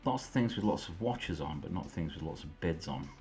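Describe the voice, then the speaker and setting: A man hosting a late-night stream, chatting casually and amused as he browses, sometimes dropping quiet and offhand. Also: a bass voice, expressive, a little fast. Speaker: host. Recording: faint background music. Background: faint background music.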